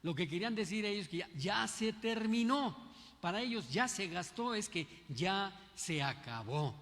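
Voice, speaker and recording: Older male pastor with a Mexico City accent, chatty halting sermon, slightly high voice, ringing church hall. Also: expressive, a bit bright. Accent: Mexico City Spanish. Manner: unhurried, conversational, frequent hesitations. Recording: echoey hall.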